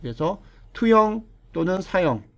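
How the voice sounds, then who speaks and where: A man's voice: high voice, sing-song, measured pace, vocal fry, fairly bright tone. A male university professor giving a recorded lecture, explaining step by step and asking the class questions. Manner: explains step by step, often starts with "자"; asks the class rhetorical questions.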